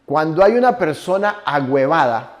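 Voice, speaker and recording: A man's voice: fairly high pitch, big pitch swings, moderate pace. A Costa Rican man in his forties giving a motivational conference talk, emphatic and colloquial, with local slang. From Costa Rica. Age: 40s. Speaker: motivational speaker.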